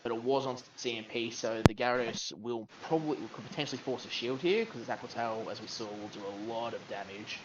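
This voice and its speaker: A man's voice: mid-range voice, brisk, hardly any pauses, highs cut off, background noise. A man commentating a live game match, giving analytical play-by-play. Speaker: esports caster.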